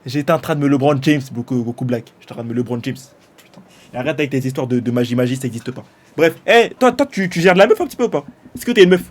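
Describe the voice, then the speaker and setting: A man, a streamer chatting casually and mockingly, slangy and teasing, swinging between loud outbursts and mumbles. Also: mid-range voice, lively intonation, racing. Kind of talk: casual mocking chat with a chatbot.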